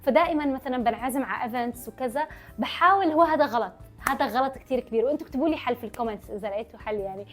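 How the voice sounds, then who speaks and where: Answering questions from her followers, a young vlogger with a Levantine Arabic accent talks casually and runs her words together. Her high voice races along over soft background music.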